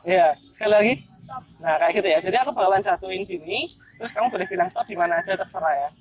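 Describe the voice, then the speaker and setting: A man's voice: high voice, fast talker. Young male street magician; playful, teasing banter, recorded outdoors in a park. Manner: playful, teasing, chatty with strangers. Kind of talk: casual street performance patter.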